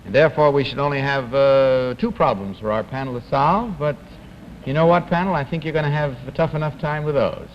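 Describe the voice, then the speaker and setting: A man's voice: on the high side, a little fast. A man hosting a 1960s television panel show, announcing and reading aloud in a formal, courteous manner. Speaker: game show host. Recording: dull vintage TV audio, faint noise.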